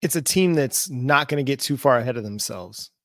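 A man with a mid-pitched voice hosts a sports talk show. He analyzes earnestly, stacking up points by repetition, in a very dry, close sound. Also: animated, a little fast, dry recording.

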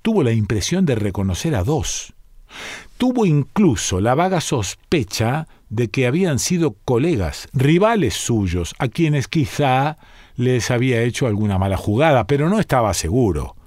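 A man narrating a short story in a measured storytelling manner. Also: medium pitch, big pitch swings, darkish tone, no room sound, clean studio sound. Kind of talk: scripted narration.

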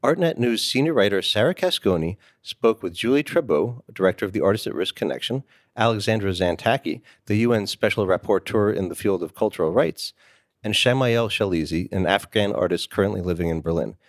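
A man with a fairly low voice reads a scripted podcast introduction. His phrasing is polished and clear, and the sound is close and dry. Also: expressive, brisk, no room sound. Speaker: podcast host.

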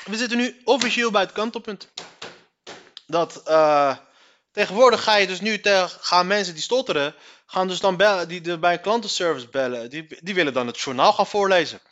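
Young adult male streamer, high and sharp-toned, crude, mocking running commentary. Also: moderate pace, dull audio. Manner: crude, mocking, laughs often. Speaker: streamer reacting to a news item. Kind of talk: casual profane commentary.

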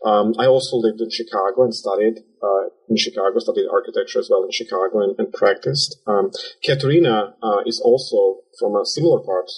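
A man's voice: fairly low pitch, a little fast, husky, low-quality recording. A man from Serbia, an architect and author, answering interview questions in a hesitant way with many filler sounds. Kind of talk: conversational interview.

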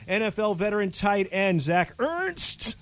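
A male host runs through sports news in a slightly high voice. He keeps it casual and conversational, dropping wry, sarcastic asides between items. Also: sing-song, measured pace, a bit bright. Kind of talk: casual radio-style sports news with banter.

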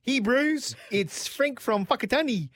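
A man voicing a cheerful male motorsport fan with a New Zealand accent, in a high, bouncy put-on voice. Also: animated, slow pace, a bit bright, dry recording, clean studio sound, exaggerated voice. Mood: excited. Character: cheerful Kiwi bloke, excited motorsport fan.

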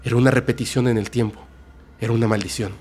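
A man hosting a podcast, narrating a horror story in a slow, dramatic way that drops soft for suspense. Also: medium pitch, steady tone, a little hiss or hum. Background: faint music.

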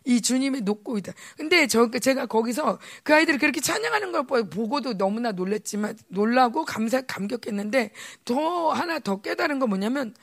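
A woman, a pastor's wife, preaching a conversational sermon during a church service and telling lively stories that act out the people in them. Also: a little high, a little fast, vocal fry, few pauses. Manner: animated storytelling, acts out quoted voices.

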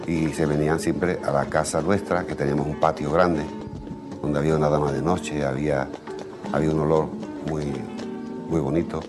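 A flamenco guitarist with an Andalusian accent, telling his childhood memories in an unhurried, reflective way. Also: very deep voice, flat delivery. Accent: Andalusian Spanish. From Andalusia, Spain. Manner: unhurried, acts out family quotes in raised voices. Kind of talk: reflective storytelling interview. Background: flamenco guitar music.

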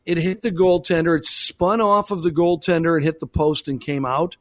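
Chatty higher-voiced man talking soccer. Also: steady tone, normal speed. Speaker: soccer talk show co-host and analyst. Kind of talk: casual sports chat.

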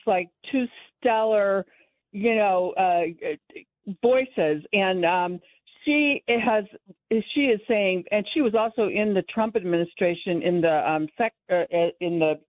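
A woman calling in to talk radio, speaking earnestly and haltingly about politics, often restarting her phrases. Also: mid-range voice, dry recording. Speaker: radio call-in guest. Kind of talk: impassioned casual political talk. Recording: thin, narrow phone line.

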